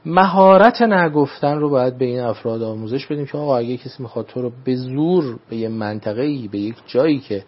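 A man speaking as a religious adviser on a talk show, in a formal, measured way, often repeating set phrases. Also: medium pitch, husky, lo-fi sound. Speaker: religious speaker giving advice. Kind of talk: radio talk show guest.

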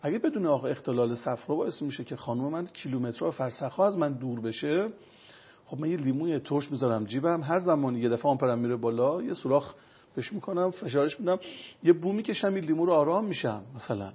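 Recorded in dull lo-fi quality, a man consulting on traditional medicine explains his subject in an interview, lecturing with everyday examples. His voice is a little high, animated, and gravelly and raspy.

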